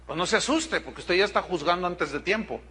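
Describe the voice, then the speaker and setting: A man's voice: high-pitched, expressive, fast, loud music behind the voice. A man with a Mexican accent, a pastor preaching a sermon to his congregation, telling a story bluntly with asides to the listeners. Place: church congregation.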